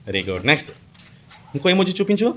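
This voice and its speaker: A male schoolteacher in a classroom, quizzing a young pupil and praising the answers warmly. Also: fairly high pitch, big pitch swings, quick pace. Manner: warmly encouraging, praises often; questioning, prompting a child. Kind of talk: classroom oral assessment.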